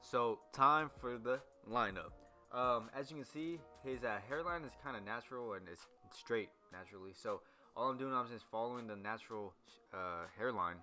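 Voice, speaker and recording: A man's voice: medium pitch, moderate pace, sharp tone, faint music behind. A young man, a barber, talking loosely through a haircut tutorial with lots of ums and restarts. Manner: loose, rambling, many fillers. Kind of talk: casual voice-over tutorial.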